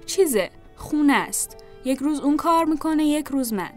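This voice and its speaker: A woman's voice: high voice, expressive, faint music behind, pitched above the performer's own voice. Woman doing a nasal, pushy little fortune-selling girl. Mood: hesitant.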